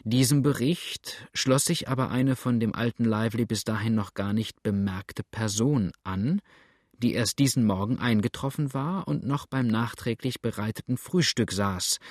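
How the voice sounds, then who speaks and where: A man reading a novel aloud in a measured, steady storytelling manner. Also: fairly low pitch, no room sound, clean studio sound. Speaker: audiobook narrator. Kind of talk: scripted narration of a novel.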